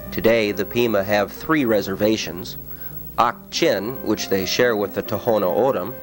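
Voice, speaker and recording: A man giving scripted documentary narration in a measured, explanatory way. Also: fairly low pitch.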